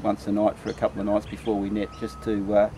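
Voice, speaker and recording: Outdoors on rural land, a man who traps rabbits and trains others explains the work informally and practically, in a plain-spoken way. His lowish voice is completely flat and quick, and the clear recording carries rural background noise.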